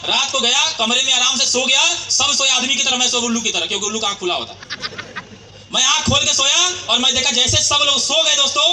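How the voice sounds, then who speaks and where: Fast, high, bright-voiced man telling stories on stage. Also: slight background noise. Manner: animated, acts out quoted dialogue, calls out to the crowd. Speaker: motivational speaker at a sales meeting. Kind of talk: storytelling speech to a live audience. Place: large hall with audience.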